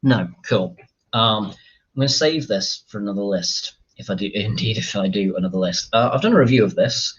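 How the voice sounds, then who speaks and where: A man chats casually through a live stream as a gin reviewer, rambling and hesitant, with plenty of fillers and the occasional swear word. His voice sits on the low side with a slightly husky edge. The recording sounds dull and lo-fi. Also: brisk. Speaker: gin reviewer, channel host.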